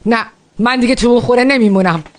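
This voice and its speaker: An actress playing a resentful wife who is leaving home in a dubbed TV drama. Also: female voice, fairly high pitch, natural voice. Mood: bitter. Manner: bitter, resentful.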